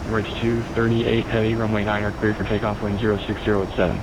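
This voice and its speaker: A man speaks as an air traffic controller on the radio, rattling off clipped instructions at a quick clip in a low voice. The delivery stays procedural, with clear aircraft noise behind it. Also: little pitch movement. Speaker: air traffic controller on online flight simulation network. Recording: noisy radio with aircraft drone.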